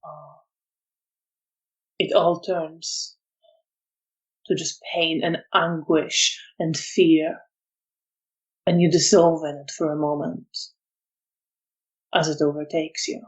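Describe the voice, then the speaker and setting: A woman running a tabletop horror game as storyteller, narrating scenes in a measured way with frequent ums. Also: low-pitched, flat delivery, rough recording.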